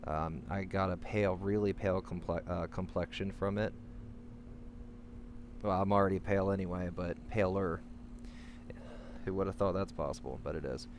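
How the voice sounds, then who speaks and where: A man talking candidly to camera with advice while in an anxious, panicky state, halting and rambling as he corrects himself. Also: deep voice, steady tone. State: in the midst of a panic attack, anxious. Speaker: vlogger sharing panic attack coping advice. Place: outdoors. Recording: clearly noisy, humming background.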